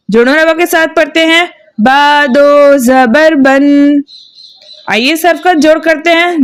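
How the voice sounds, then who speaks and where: Slow, high-voiced woman teaching recitation. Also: no echo, clean studio sound. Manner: patient call-and-response drilling, stretched syllables. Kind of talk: slow drilled reading lesson.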